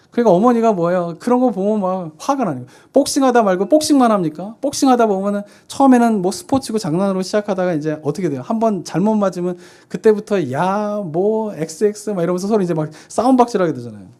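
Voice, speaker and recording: Here the same kind of conversational sermon comes from a pastor in his thirties speaking in a church sanctuary, who often poses questions only to answer them. His voice is high and a little mellow.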